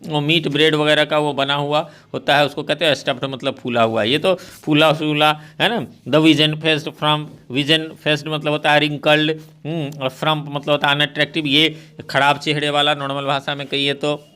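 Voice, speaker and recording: A man's voice: a little high, flat delivery, normal speed, pushed and bright, clean tone. A male English teacher explaining a play line by line in a chatty, explanatory lesson, often checking in with tag questions.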